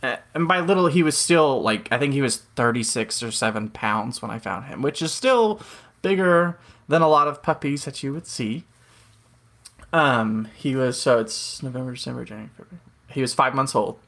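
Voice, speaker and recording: A man's voice: mid-range voice, expressive, normal speed, vocal fry, fairly bright tone. A man co-hosting a podcast, telling a rambling story with jokey asides in casual chat. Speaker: podcast co-host.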